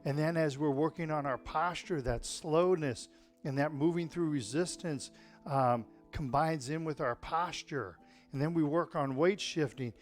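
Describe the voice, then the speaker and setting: A man's voice: fairly high pitch, measured pace, soft background music. A man teaching tai chi in an informal, explanatory and encouraging way, often checking in with his listeners. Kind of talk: informal spoken class instruction.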